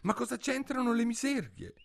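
A man's voice: very high-pitched, expressive, moderate pace, gravelly, pitched above the performer's own voice, exaggerated voice. A man voicing Alice, a curious, polite little girl in a storybook reading, eager and earnest.

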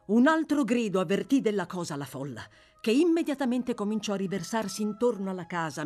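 A woman reading a classic novel aloud, narrating in a measured, dramatic storytelling manner. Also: mid-range voice, a little mellow. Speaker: audiobook reader. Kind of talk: scripted literary narration.

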